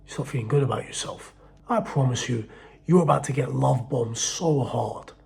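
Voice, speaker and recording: A man giving blunt, profane dating advice in a casual monologue, swinging between loud emphasis and low muttering. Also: moderate pace, creaky.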